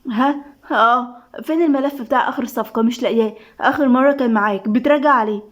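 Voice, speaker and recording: A woman's voice: on the high side, fast, a bit bright, close to an everyday voice. A woman voicing a tense, sarcastic older coworker with an Egyptian Arabic accent in a storybook reading. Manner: snappish, sarcastic. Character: sharp-tongued older woman, wary and tense.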